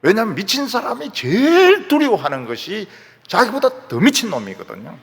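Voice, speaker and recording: A man pastor preaches a dramatic sermon, swinging from hushed asides to loud outbursts. His voice is high and bright, with a gravelly rasp. It echoes with the long reverb of a church sanctuary. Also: huge pitch swings, moderate pace.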